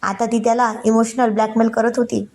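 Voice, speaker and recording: A woman narrating a story in a plain, steady storytelling manner. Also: a little high, brisk.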